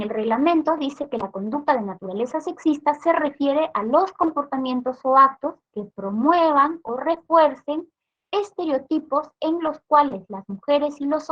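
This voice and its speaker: A high-pitched woman with a Peruvian accent leads a police training session, explaining slowly and checking in with her listeners. She keeps tossing in little tag questions. The recording sounds dull and lo-fi. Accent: Peruvian Spanish. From Peru.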